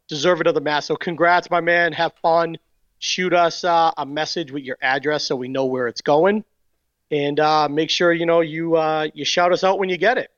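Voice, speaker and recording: An excitable man with a Boston accent chats on a podcast, stumbling over restarts. His voice sits a bit high. The recording is dry and slightly dull. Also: no room sound. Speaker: podcast co-host. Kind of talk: casual podcast chat.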